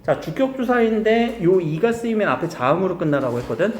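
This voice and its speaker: Male grammar teacher, casual, keeps quizzing the class, animated pitch, roomy echo. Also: a little hiss or hum. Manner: casual, quizzing students with quick questions. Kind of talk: recorded lecture to high school students. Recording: echoey room.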